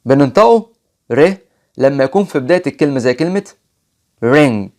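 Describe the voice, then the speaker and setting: A man with an Egyptian Arabic accent teaching an English phonics lesson, patiently repeating example words slowly. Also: a little high, animated, a little mellow.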